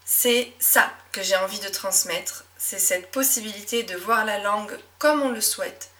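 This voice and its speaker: A young woman from southwest France with a Médoc accent, a French teacher talking reflectively in a casual monologue, with frequent fillers and soft laughs. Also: medium pitch, unhurried, recorded from a distance. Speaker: French teacher and podcast host.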